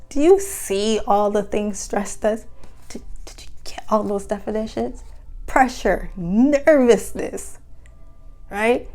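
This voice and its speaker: A woman giving a casual, repetitive vocabulary lesson, often laughing between words. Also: mid-range voice. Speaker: online teacher.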